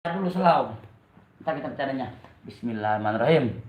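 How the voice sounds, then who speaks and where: A man's voice: high voice, a little fast, creaky, a bit bright. A man with a Betawi accent hosts a casual live stream, reading viewers' comments aloud and teasing them with a lot of laughter. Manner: joking and teasing, laughs often. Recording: dull, roomy lo-fi live stream.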